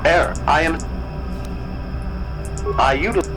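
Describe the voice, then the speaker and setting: An actor voicing a malfunctioning male computer security system that glitches, cutting off words and repeating "error" in flat, clipped announcements. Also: fairly high pitch, takes it slowly, music in the background. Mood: glitching. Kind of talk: video game character dialogue.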